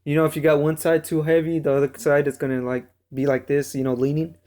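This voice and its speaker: A man's voice: a little high, flat delivery, fast talker, mellow. A man co-hosting a casual chat, explaining earnestly and coughing now and then. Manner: earnest, coughs and clears throat often. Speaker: co-host. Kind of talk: casual chat about movies.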